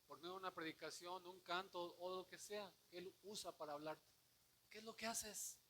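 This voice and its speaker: A man preaching a sermon, asking the congregation rhetorical questions and swinging from quiet, low passages to loud declamation. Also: fairly even intonation, fairly quick, a little hiss or hum. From Mexico. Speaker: pastor.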